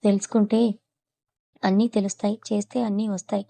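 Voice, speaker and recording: A woman lends her voice to a stern old grandmother who runs the household with scolding commands. The tone is very dark and mellow, with barely any rise or fall in pitch. This is an audio storybook. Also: level tone, brisk, no echo, natural voice. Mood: bossy.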